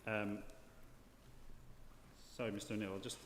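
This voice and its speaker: A man presides over a formal hearing with a fairly low voice. He feels his way through questions, repeating words. The room is echoey and there is noise behind him. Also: level tone, a little slow. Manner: hesitant, often repeating words as he phrases questions. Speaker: planning inspector chairing an inquiry. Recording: echoey hall with clear background noise.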